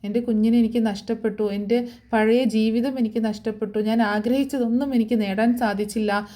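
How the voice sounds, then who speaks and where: A bitter, proud middle-aged mother, played by a woman narrator mourns in a low lament, then snaps sharply. The voice is mellow and fairly high for a woman. It is read aloud inside a spoken recap of a TV serial. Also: fairly even intonation, normal speed, lightly acted.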